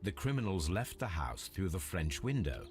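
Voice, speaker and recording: Sherlock Holmes, a deep methodical detective. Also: male voice, very animated. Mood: musing. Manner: measured, deductive. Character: calm, methodical male detective. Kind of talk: video game voice acting. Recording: game audio with music behind. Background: game music.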